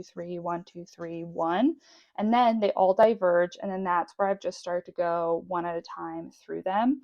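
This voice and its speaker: A woman's voice: medium pitch, a little mellow, lo-fi sound. A young adult woman chatting casually and enthusiastically in a solo vlog as a writer. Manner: enthusiastic, gushing. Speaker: writer vlogging about their work.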